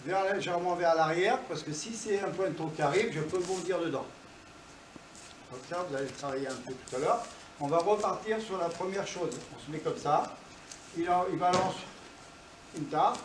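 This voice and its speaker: A man leads a self-defense class in a dojo, explaining each move as he shows it and marking strikes with quick sound words. His voice sits a little high and carries around a roomy hall, picked up from some distance. A faint class ambience stays in the background. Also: slight background noise. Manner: explains while demonstrating moves, punchy sound words. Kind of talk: live class demonstration. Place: dojo, indoors.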